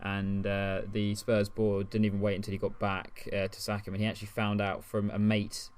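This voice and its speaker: A man's voice: on the low side, completely flat delivery, normal speed, clean tone. A man from England, co-hosting a casual comedy podcast, telling stories with many ums and chuckles. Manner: rambling, lots of ums, laughs at his own stories. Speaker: podcast co-host.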